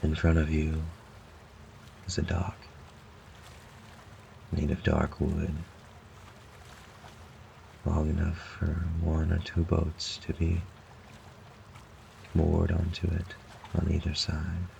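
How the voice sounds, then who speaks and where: Very deep, gravelly man guiding relaxation. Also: lo-fi sound, a little hiss or hum. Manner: calm, soothing, measured with long pauses. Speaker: host, guided meditation narrator. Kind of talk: guided imagery relaxation narration.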